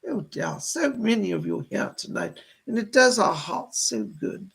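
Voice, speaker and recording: A man as a seance medium voicing a gentle, motherly female spirit guide, speaking in genteel, solemn endearments with a husky, creaky voice. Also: sits high, animated, a little slow, exaggerated voice. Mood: affectionate, greeting. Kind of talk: seance medium trance channeling, addressing sitters with spirit messages.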